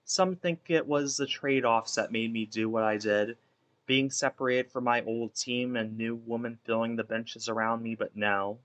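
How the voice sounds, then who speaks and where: A man playing a guilt-ridden, imprisoned female ex-baseball pitcher in a wistful, theatrical dramatic monologue that rambles and interrupts itself. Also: fairly even intonation, normal speed, fairly bright tone, close to an everyday voice. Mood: apologetic, pleading.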